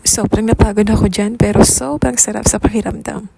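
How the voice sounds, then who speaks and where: A woman's voice: mid-range voice, steady tone, a little fast, vocal fry, noisy background. A woman with a Filipino accent narrating a casual vlog in a chatty, playful, self-teasing way. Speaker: vlogger.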